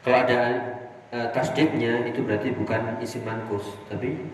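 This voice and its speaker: Guy teaching grammar to a class, asks questions then answers himself, booming reverb, long hall echo. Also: fairly even intonation, moderate pace, a little hiss or hum. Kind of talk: classroom lesson reading a classical text. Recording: echoey hall from far off.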